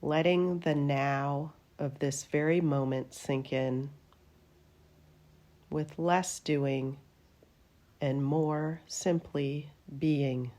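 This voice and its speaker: In a dark, relaxed tone well suited to deep rest practice, a female yoga nidra teacher leads a guided meditation. Her low, mellow voice moves very slowly and gently, and her soothing phrases trail off as they end.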